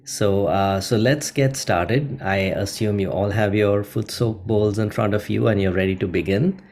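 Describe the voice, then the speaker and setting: Soft-spoken Indian-born man leading meditation. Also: lowish voice. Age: middle-aged. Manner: gentle and unhurried, many ums and uhs. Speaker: meditation host. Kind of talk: guided meditation talk.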